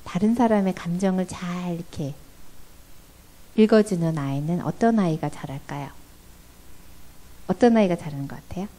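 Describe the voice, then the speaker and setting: A woman's voice: fairly low pitch, moderate pace, pauses often, warm tone. A woman professor giving a parenting seminar in a church hall, asking the audience questions and acting out the voices of parents and children. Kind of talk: lecture to an audience.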